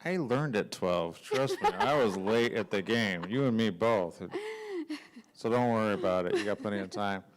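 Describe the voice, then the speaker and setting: A man's voice: lowish voice, normal speed. Rambling, casual male conference host. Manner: informal, rambling, scattered. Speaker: conference host introducing speakers. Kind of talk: unscripted casual hosting.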